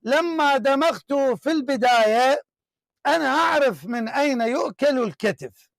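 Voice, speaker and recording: A man hosting a heated religious debate, confrontational and repeating his demands, often shouting. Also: very high-pitched, lively intonation, normal speed, creaky, dry recording. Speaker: debate show host.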